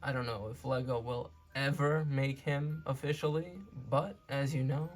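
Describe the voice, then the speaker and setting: A man's voice: mid-range voice, steady tone, moderate pace. A man giving a casual, earnest and enthusiastic hobby review as host, repeating himself, his speech affected by recovery from wisdom tooth removal. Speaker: toy reviewer and channel host.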